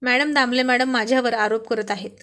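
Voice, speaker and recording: A woman's voice: a little high, steady tone, a little fast, sharp tone. A woman voicing a nervous young female office assistant who apologizes and complains.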